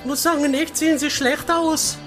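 A man's voice: fairly even intonation, normal speed, fairly bright tone, faint music behind. A man voicing a cheeky female Christmas market vendor with a put-on foreign accent, in improvised comedy role-play. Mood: teasing. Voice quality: high, sweet put-on woman's voice. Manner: sugary and teasing, blunt remarks. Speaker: podcast co-host.

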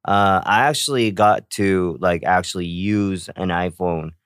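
A man in casual chat who tells stories with animated acted-out reactions. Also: low-pitched, a little slow, smooth, no room sound, clean studio sound. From South Korea. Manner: animated storyteller, acts out reactions.

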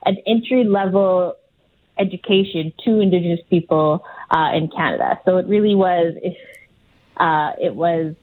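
A woman's voice: on the low side, moderate pace, phone-quality sound. A woman legal director answering interview questions earnestly, often restarting phrases and searching for words.

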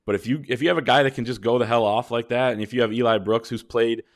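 A man hosting a sports podcast, talking through basketball games in a measured, casual way with long, winding points. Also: medium pitch, steady tone. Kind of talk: casual sports analysis chat.

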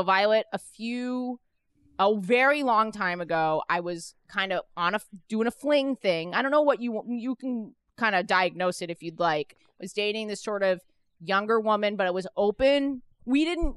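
A woman hosting a casual comedy chat, animated and quick to burst into laughter. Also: mid-range voice, clean tone, no echo. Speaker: host.

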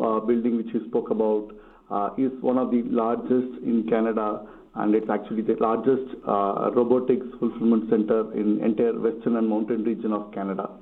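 A man's voice: medium pitch, vocal fry. A man phoning in as a guest on speakerphone, sounding echoey and hesitant with many filler sounds. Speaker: guest, general manager. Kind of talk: phone-in interview. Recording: echoey tinny speakerphone call.

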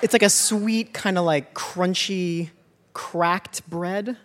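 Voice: medium pitch, steady tone, takes it slowly, a bit bright. A guest comedian doing live stage banter, bubbly, giggly and eager. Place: large theater stage before an audience. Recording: live theater with reverb and crowd noise.

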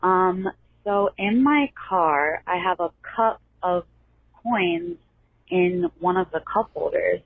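A woman leaving a voicemail for a podcast, telling a small story in a slow, halting way. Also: lowish voice, slight background noise. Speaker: voicemail caller. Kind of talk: voicemail message. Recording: tinny phone voicemail.

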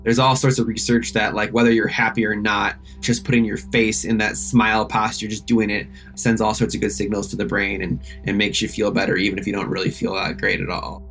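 A man's voice: lowish voice, flat delivery, a little fast, creaky, hardly any pauses, fairly bright tone. A man casually recounting his own ordeal, chatty and self-deprecating, with lots of filler words. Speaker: interviewee recounting his accident. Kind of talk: casual first-person recollection. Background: faint music.

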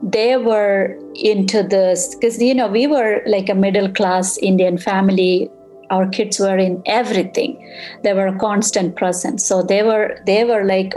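A bereaved mother in an interview, recounting events in a steady, matter-of-fact way. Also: medium pitch. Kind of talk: personal recollection interview.

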